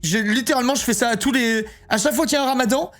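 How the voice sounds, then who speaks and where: A man's voice: very high voice, rapid-fire, fairly bright tone. A man streaming live, chatting casually and joking while he reads his chat aloud.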